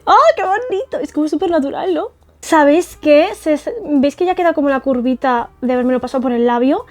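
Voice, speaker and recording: Faint music plays as a young makeup artist from Spain, speaking with a Spanish accent, tests cosmetics on camera. Her voice is high and warm, and she chats enthusiastically, full of fillers and tag questions.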